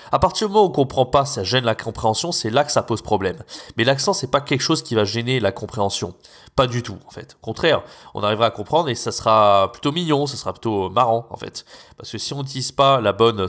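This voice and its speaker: Chatty low-voiced man hosting a podcast. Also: fairly bright tone. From France. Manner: chatty, with frequent fillers and self-corrections. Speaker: podcast host, French teacher. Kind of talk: casual educational podcast talk.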